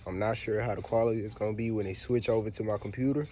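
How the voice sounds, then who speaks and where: A fast-talking man with a lowish voice works on a truck and casually explains what he's doing for his car repair vlog. He's relaxed and points things out, and the outdoor phone footage is noisy.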